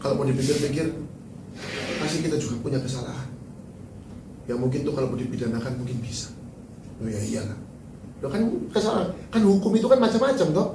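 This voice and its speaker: A man preaching a sermon as pastor, animated and joking, then dropping to soft, tearful tones. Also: mid-range voice, brisk, long pauses, background noise. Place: large church hall. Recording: echoey church hall from far off.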